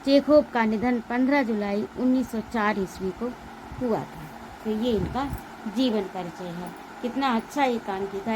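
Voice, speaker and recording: A woman's voice: fairly high pitch, noisy background. A Hindi teacher reading a one-act play aloud and explaining its lesson to her students.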